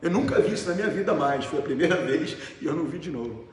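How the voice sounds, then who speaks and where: A man's voice: on the high side, expressive, fast, darkish tone. A middle-aged Brazilian man preaching a sermon as pastor, talking in an emphatic, conversational way and putting questions to the congregation. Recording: very echoey hall, faint noise.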